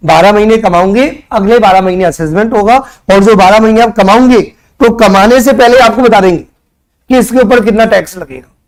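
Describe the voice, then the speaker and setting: A young Indian tutor gives a chatty classroom lecture, quizzing his students with rhetorical questions and mixing English terms into his Hindi. His voice sits high and he speaks at a normal speed.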